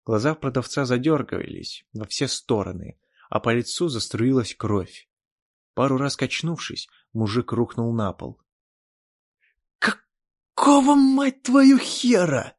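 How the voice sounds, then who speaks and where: A man's voice: mid-range voice, measured pace, no room sound. Dry-voiced male audiobook narrator. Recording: dry close studio sound.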